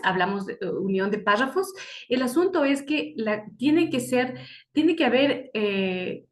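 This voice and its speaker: A woman teaching an online class on a video call. She explains things slowly, pauses often to search for words, and keeps checking in with her students. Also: medium pitch. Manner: hesitant, searches for words with many fillers. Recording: echoey room sound.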